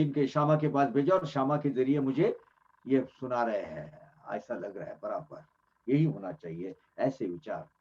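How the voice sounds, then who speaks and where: A man's voice: medium pitch, darkish tone. A man giving earnest devotional commentary on scripture, explaining emphatically and often restarting his phrases. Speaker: religious discourse speaker. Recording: dull lo-fi recording.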